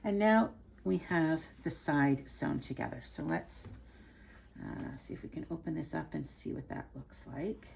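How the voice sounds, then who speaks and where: A woman giving a step-by-step hands-on tutorial as an instructor, speaking in a careful, unhurried, informal and reassuring way. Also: deep voice, animated, creaky, a little mellow. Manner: careful, unhurried, explaining each small step. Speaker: sewing instructor. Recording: some background noise.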